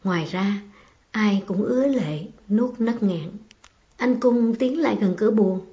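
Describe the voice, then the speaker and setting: A woman narrating an audiobook in a measured, emotive reading. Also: mid-range voice, dark tone. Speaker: audiobook reader. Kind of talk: storybook narration. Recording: slightly muffled, faint music behind.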